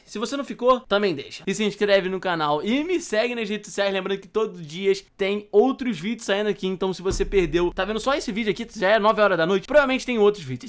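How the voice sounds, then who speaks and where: Excitable young Brazilian gaming host, high voice. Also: male voice, quick pace, few pauses. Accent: Brazilian Portuguese. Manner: excited, jokey, addresses viewers. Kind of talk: Minecraft let's play commentary.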